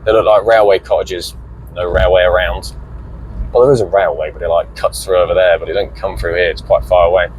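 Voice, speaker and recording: A man's voice: low-pitched, fairly even intonation, a little fast, a little hiss or hum, poor audio. A middle-aged man gives a rambling, chatty commentary while driving, with mild swearing. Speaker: vlogger. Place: inside a moving car.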